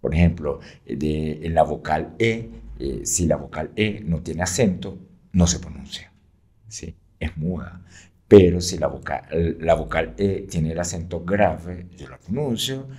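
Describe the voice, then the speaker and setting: Male teacher, very low voice, unhurried, patient explainer. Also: darkish tone. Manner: patient, frequent fillers, checks in with "¿sí?". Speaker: French teacher. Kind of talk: explaining in an interview.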